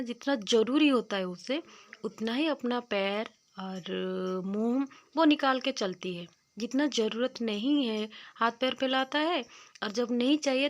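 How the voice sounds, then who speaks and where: A young woman narrating a casual village vlog, homely and repetitive as she draws simple life lessons. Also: a little high. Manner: homely, repeats points, moralizing. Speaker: village vlogger. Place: village home outdoors.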